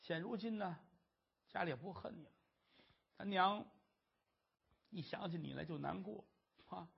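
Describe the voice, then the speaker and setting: Guy doing a soft coaxing little brother, convict, husky voice, muffled tape. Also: high-pitched, normal speed, heavily acted. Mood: gentle. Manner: gentle, coaxing. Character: kind younger brother, a convict under escort. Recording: dull lo-fi recording.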